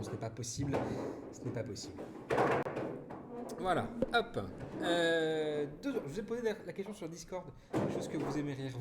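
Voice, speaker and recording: Chatty male streamer in a roomy echo. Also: on the high side. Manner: chatty and warm toward chat, frequent restarts and "voilà". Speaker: streamer hosting an anniversary live. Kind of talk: casual live-stream chat, reading viewer messages. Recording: roomy echo with loud background noise.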